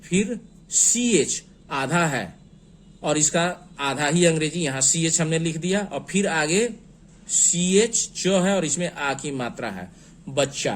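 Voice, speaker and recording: Male teacher, fairly high voice, unhurried spelling-lesson delivery. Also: expressive, a little hiss or hum. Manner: slow, patient, spells words letter by letter. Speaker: English teacher.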